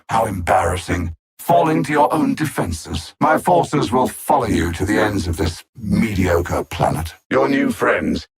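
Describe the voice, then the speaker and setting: The voice is male, fairly low, creaky and slightly rough, a full character performance of a video game villain: a cold, condescending alien machine mind bent on conquest. He threatens in measured tones with sardonic understatement, moving from dry disdain into commanding menace.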